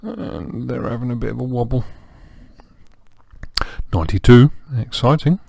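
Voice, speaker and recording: A gameplay commentator with a sore throat plays a strategy game, offering dry, wry, self-mocking asides. His mid-range voice is gravelly and a little mellow, swinging widely in pitch at a measured pace, with no room sound.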